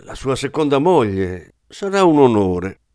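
A man reading an audiobook, voicing a pompous, flattering male palm reader who bows as he speaks. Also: medium pitch, a little slow, clear, resonant tone, no echo, clean studio sound. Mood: smooth pompous.

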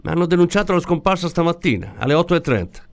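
A man voicing a male police officer who shouts his report urgently over the phone. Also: fairly high pitch, expressive, fast talker, creaky, voice pushed up. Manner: shouting over a bad line.

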